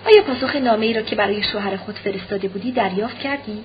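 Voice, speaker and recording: A woman reading an audiobook, voicing a caring married woman who speaks gently and reassuringly; slightly muffled recording with faint hiss. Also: mid-range voice, lightly acted. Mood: consoling.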